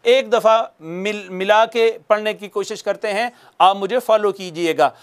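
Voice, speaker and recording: A man teaching Quran recitation, patiently correcting and chanting drawn-out demonstration words for students to repeat. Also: sits high. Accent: Pakistani Urdu. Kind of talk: recitation lesson with call-and-repeat.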